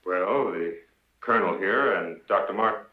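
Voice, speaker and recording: Low-voiced, formal film scientist male actor. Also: normal speed, close to an everyday voice. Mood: defensive. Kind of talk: 1950s film drama acting. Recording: dull, echoey old film soundtrack.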